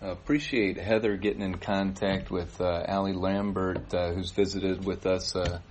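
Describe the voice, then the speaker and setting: A man giving church announcements, halting with many fillers. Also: low voice, little pitch movement, a little hiss or hum. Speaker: worship leader giving announcements. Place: church service.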